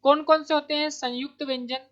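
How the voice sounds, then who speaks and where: A woman's voice: sits high, fairly even intonation, brisk. A woman tutor working through exam practice questions step by step, repeating each answer and checking in often. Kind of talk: online exam-prep lesson. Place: Madhya Pradesh, India. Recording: dull lo-fi recording.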